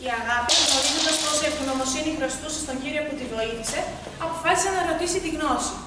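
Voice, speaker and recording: A woman reading a fable aloud expressively. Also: high voice. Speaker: storyteller. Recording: echoey hall, voice far from mic, faint noise.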